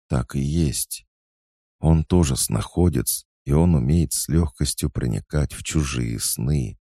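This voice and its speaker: A man's voice: extremely low pitch, vocal fry, warm tone, no echo, studio quality, voice pushed up, exaggerated voice. A man voicing a playful, teasing goddess who soothes her friend. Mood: reassuring.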